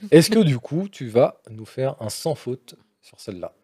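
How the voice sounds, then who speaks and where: A man's voice: medium pitch, very animated, unhurried, mellow, husky. A man hosting a board-game quiz in a studio, playful and teasing with his guests. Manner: playful, teasing, theatrical asides. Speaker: quiz host. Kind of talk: casual panel chat, running a quiz.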